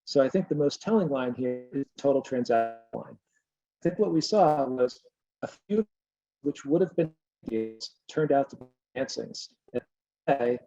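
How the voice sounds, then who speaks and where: A man's voice: medium pitch, lively intonation, dark tone, no room sound, muffled recording. A man giving a business webinar presentation on a remote call, his audio breaking up over a failing internet connection. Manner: measured, explanatory, with frequent "um" and "uh". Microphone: remote video call.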